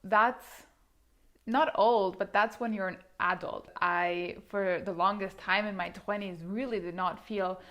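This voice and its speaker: A woman's voice: medium pitch, steady tone, a little slow, fairly bright tone. Earnest thirty-year-old woman vlogger. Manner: earnest, thoughtful, frequent hedging fillers. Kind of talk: reflective casual monologue to camera.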